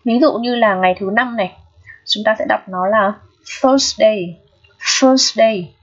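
A woman's voice: mid-range voice, fairly even intonation, a little fast, fairly bright tone. A woman teaching an English exam review lesson, patient and repetitive, often checking that students understand. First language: Vietnamese. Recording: dull lo-fi recording.

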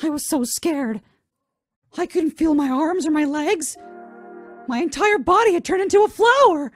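A woman's voice: sits high, expressive, normal speed, faint music behind. A woman voicing a childlike male talking flower, bitter and scheming, in a dramatic cartoon fan dub. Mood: wistful.

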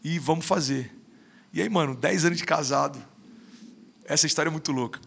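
A man's voice: a little high, brisk, creaky, a bit bright, slightly rough. A man in his thirties with a Brazilian Portuguese accent, a podcast guest telling stories in a slangy, emphatic casual chat. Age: 30s. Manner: slangy, emphatic, keeps saying "mano".

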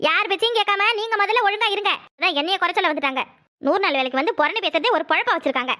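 A bossy young village wife fires off orders in a very high, fast voice, as a woman acts her out. Her tone is bright and sharp. She retorts quickly in a cartoon scene. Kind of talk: cartoon voice acting.

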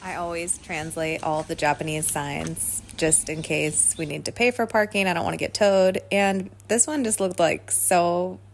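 Low-voiced young woman gushing about a hike. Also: steady tone, normal speed, few pauses, slight background noise, rough recording. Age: young adult. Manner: upbeat, gushing, lots of "like". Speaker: travel vlogger. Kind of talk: casual travel vlog narration.

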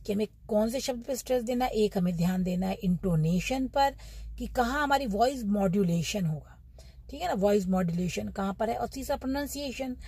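Woman, Indian accent, middle-aged English teacher, slow stretched-out model words, mellow husky voice. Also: medium pitch, dry recording. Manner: slow, drawn-out model words, repeated for practice. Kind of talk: pronunciation lesson.

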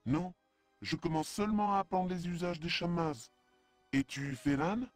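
An actor playing a humble, earnest alien apprentice priest in a video game, deferential and apologetic. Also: male voice, high voice, moderate pace, no echo, soft background music, lightly acted. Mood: hesitant, respectful. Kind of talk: French video game dub acting.

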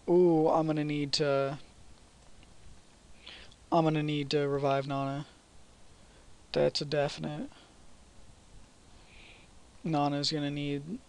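A man's voice: fairly high pitch, creaky, a bit bright. A man casually commentating his own game playthrough in a chatty way, reading the on-screen text aloud. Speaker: let's play host.

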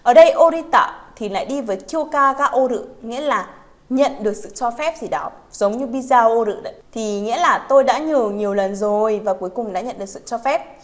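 Female teacher, a little high, reads examples slowly, then explains them and checks in with learners. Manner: often asks "right?" to check in with learners. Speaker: Japanese teacher. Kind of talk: vocabulary lesson.

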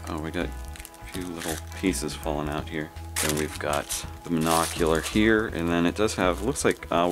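A man casually reviewing gear he unboxes at a table, talking in a halting way with many fillers. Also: low voice. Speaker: product reviewer. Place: indoors at a table.

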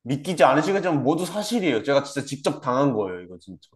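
A man's voice: mid-range voice, big pitch swings, quick pace. A young man giving a personal testimony in a conversation, repeating himself and trailing off with many fillers. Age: young adult. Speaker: guest, former church member.

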